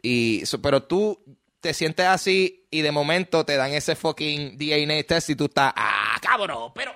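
Young Puerto Rican podcast host, loose and profane, slightly high pitch, dry sound. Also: male voice, animated, a little slow, vocal fry, sharp tone, no room sound. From Puerto Rico. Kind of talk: casual chat.

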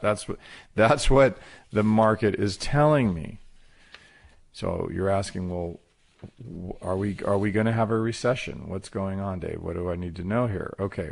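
A man's voice: sits low, creaky. A man hosting a financial radio segment, explaining conversationally and answering his own questions. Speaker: financial radio show host. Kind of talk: market commentary.

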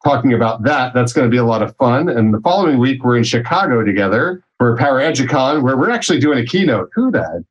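A man's voice: mid-range voice, big pitch swings, fast talker, few pauses, dull audio. A man hosting a podcast in a casual, teasing way, joking with his co-host and guest. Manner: jokey, teasing, easygoing.

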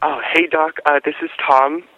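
A male caller on a radio advice show, emotional and close to tears, speaking in a hesitant, halting way. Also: a little high, flat delivery, pushed and bright, no echo. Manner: hesitant, halting, with many restarts. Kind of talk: call-in radio conversation. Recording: muffled phone line.

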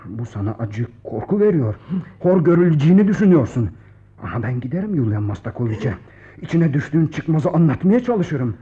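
A steady friend scolds firmly, then drops to a hush to soothe. His voice runs high for a man. The old radio recording is dull and muffled. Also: fairly quick. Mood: soothing. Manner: firm, then hushed and soothing. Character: steady male friend, scolding yet caring. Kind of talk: radio play acting.

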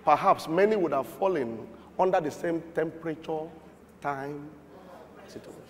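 A man preaching a sermon, swinging from shouted points to murmured asides. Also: a little high, moderate pace, big-room sound. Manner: emphatic, swings between shouting and murmuring, chuckles often.

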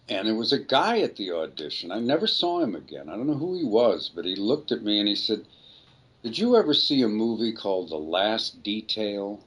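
An older man, a voice actor, telling a rambling, relaxed story in an interview. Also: on the low side, normal speed, slightly rough. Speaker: voice actor guest. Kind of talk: anecdotal storytelling.

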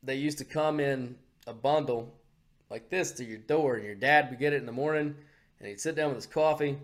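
A man co-hosting a podcast in crude, animated casual chat, retelling stories with quick put-on voices. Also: medium pitch. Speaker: podcast co-host.

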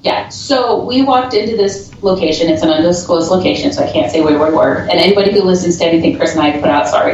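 A woman's voice: lowish voice, darkish tone, slight background noise. A woman, a paranormal investigator, telling stories in a casual chat over a video call. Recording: echoey, distant, dull remote audio.

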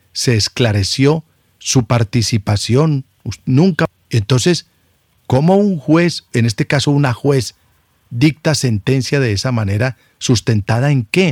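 A man conducts an interview, putting formal questions and restating points back to his guest. His voice sits at a middling pitch. The recording is dry, with no room sound. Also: a little mellow, no echo.

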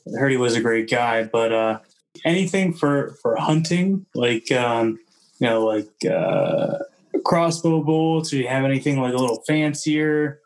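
A man playing a tabletop game who talks slowly. He pauses often and fills gaps with "uh" and "like" as he asks questions. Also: mid-range voice, low-quality recording. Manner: halting, filler-heavy questions. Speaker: player.

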